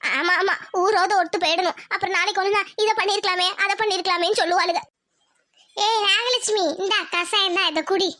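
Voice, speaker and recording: A woman's voice: extremely high pitch, fairly even intonation, brisk, bright, forceful tone. A woman voicing a bossy but caring older village woman neighbor in a cartoon, scolding and motherly. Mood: coaxing. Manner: scolding, motherly, dialect-heavy. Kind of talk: cartoon voice acting.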